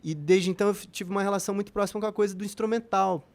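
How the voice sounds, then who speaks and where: Man, Brazilian accent, podcast guest, casual interview, reflective, rambling, slightly high voice. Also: steady tone, very fast. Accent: Brazilian Portuguese. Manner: reflective, rambling with many fillers. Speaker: musician guest.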